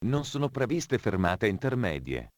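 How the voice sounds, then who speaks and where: A man reading scripted train station announcements in a formal, measured way. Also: fairly low pitch, very animated, no room sound, clean studio sound.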